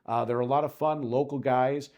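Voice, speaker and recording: A man's voice: medium pitch, fairly even intonation, normal speed, a little mellow. A man hosting a casual interview show, upbeat and chatty with frequent fillers. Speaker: host.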